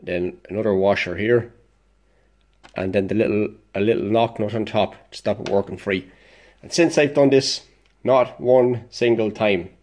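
A man's voice: on the low side, darkish tone. A congested man in an indoor workshop, casually explaining a DIY fix at his workbench in a blunt, plain-spoken way with the odd swear. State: congested, dosed up with illness. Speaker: DIY vlogger.

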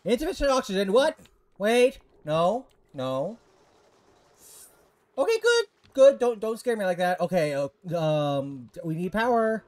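A man's voice: sits high, lively intonation, a little slow. A man giving casual gameplay commentary, talking to himself and scolding his in-game characters, frantic and exasperated, now and then swearing. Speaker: gaming streamer.

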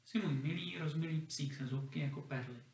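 A gentle, homesick young girl from a storybook, tender and affectionate , as a man puts her on. The voice sits a touch high and carries a gravelly texture. It echoes around a roomy space, picked up from a distance. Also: close to an everyday voice. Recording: roomy echo, distant mic.

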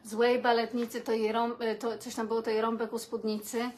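A woman's voice: on the high side, level tone, brisk, slight background noise. Chatty woman reading viewer comments. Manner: chatty, addresses viewers warmly as "kochani", reacts with laughter and sighs. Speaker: live stream host reading viewer comments. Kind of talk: casual live chat.

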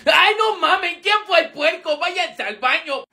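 A young man with a Mexican accent acting out school comedy skits in an exaggerated, animated way, with an artificially high-pitched voice. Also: creaky. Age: young adult. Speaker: comedy skit creator playing all characters. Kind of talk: acted school comedy skit storytime.

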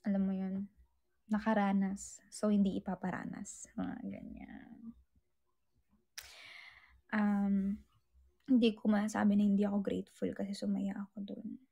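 Young female vlogger, gravelly edge, candid advice-giving chat. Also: mid-range voice, monotone, moderate pace, dark tone. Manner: candid, advice-giving, mixes English into Tagalog. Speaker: vlogger answering viewer questions. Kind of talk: casual chat.

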